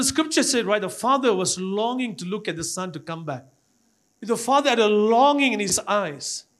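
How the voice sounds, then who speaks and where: Here the Malaysian preacher's voice is high and a bit bright as he pushes his congregation forward in a passionate sermon. His accent is Malaysian, and his style is repetitive and exhorting, with frequent direct appeals to the people before him.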